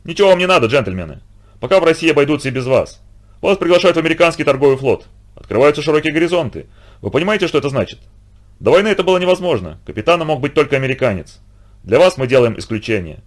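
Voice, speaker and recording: A male narrator takes on a jovial middle-aged American colonel in an audiobook. He is hearty and pushy, speaking in a raised, bright voice and a coaxing stream of words. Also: fairly high pitch, very animated, rapid-fire, pitched above the performer's own voice. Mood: persuasive.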